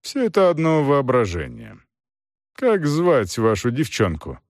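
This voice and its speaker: A stern, domineering older aunt from an audiobook, voiced by a male reader, pitched a little low. She speaks in curt, commanding phrases and brushes every objection aside, with a lively rise and fall. The sound is close and dry. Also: measured pace, no room sound. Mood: brusque.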